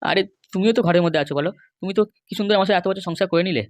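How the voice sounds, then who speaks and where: A man voices a henpecked middle-aged cartoon husband with a West Bengal accent, pleading, wheedling and grumbling in comic dialogue. His voice is high-pitched and very fast, lightly acted, with no room sound.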